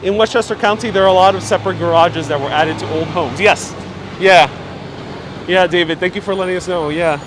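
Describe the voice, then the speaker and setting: Slightly muffled, higher-voiced man guiding outdoors. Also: fairly quick. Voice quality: slightly muffled through a mask. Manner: chatty, effusively polite to viewers. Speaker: live-streaming walking tour guide. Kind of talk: casual live commentary, answering viewer comments. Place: outdoors, walking on city streets. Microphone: clip-on mic worn on the body. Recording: street noise, outdoor live stream. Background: street ambience, passing vehicles.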